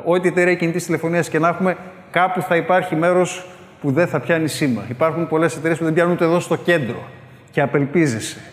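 Man preaching, slightly high voice, animated, roomy hall reverb. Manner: animated, rising to calling out in examples, hushed in prayerful close. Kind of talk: sermon. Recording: echoey hall with long reverb.

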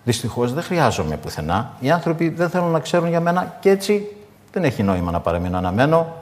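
A man's voice: fairly high pitch, big pitch swings, voice pushed up. A man voicing a weary dying candle of faith. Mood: resigned.

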